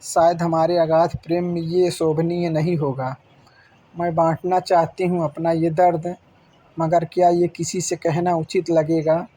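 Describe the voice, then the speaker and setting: A man reads as a young pregnant wife pouring her hurt into a letter, slow and sorrowful. The tone stays flat and the voice mellow and dark, somewhat high for a man.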